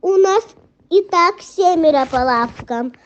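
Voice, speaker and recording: A woman's voice: extremely high pitch, animated, slow, exaggerated voice. A young female reader voicing a reluctant peasant householder in a children's folk tale, in a plain, grudging manner. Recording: muffled lo-fi recording.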